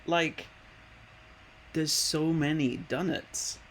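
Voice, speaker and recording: An art streamer, a man in his late twenties, chats casually on a live stream, rambling with plenty of fillers and delighting easily. His voice is on the high side and steady, with drawn-out words. The recording is low quality and has slight background noise.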